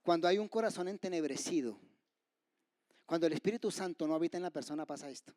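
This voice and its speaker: A man preaching a sermon, asking his listeners rhetorical questions and swinging from loud outbursts to hushed whispers. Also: on the high side, quick pace, dry recording, clean studio sound. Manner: asks the congregation rhetorical questions. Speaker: pastor.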